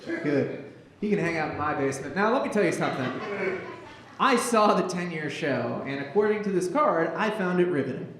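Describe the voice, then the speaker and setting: A man's voice: on the high side, lively intonation, brisk, noisy background. A man hosting a live comedy show, rambling and self-mocking as he reads out scene directions. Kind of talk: live stand-up show banter. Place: live venue with audience. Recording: echoey live venue room.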